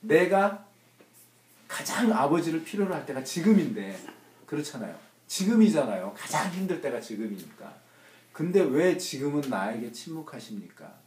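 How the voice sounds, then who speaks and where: A man's voice: fairly high pitch, very animated, moderate pace, darkish tone, slight background noise. A man voicing an anguished man who pleads to his father. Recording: roomy, distant mic.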